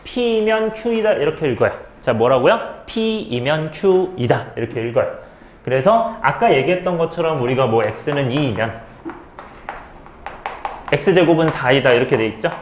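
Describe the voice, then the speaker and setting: A man's voice: mid-range voice, lively intonation, moderate pace, long pauses, echoey room, slight background noise. A male math teacher giving a step-by-step lecture, asking questions and answering them himself, often checking in with students. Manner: keeps checking in with students, "okay?".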